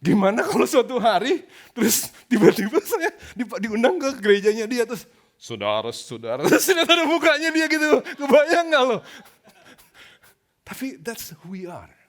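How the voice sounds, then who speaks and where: A man's voice: very high-pitched, moderate pace. A male pastor preaching a sermon, telling stories with slang and jokes. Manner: animated storytelling with slang and jokes.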